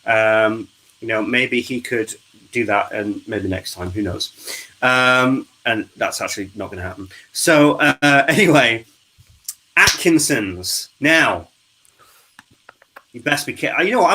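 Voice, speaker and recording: A man's voice: medium pitch, animated, unhurried, bright, forceful tone, low-quality recording. A man hosting a charity live stream, chatting and teasing his guests on a video call. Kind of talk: casual group chat.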